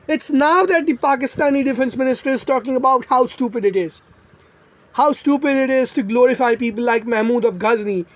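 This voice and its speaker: A young adult from India, ranting in a profane, sarcastic and rambling commentary vlog. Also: mid-range voice. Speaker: online commentator.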